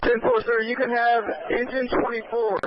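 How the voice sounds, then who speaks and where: A male firefighter radios from a fire scene in a very high-pitched voice. His reports are clipped and procedural, coming through a muffled radio with loud noise all around. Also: monotone, moderate pace. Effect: two-way radio. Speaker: firefighter attack group leader. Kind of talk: urgent radio status report. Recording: very noisy, dull fireground radio transmission.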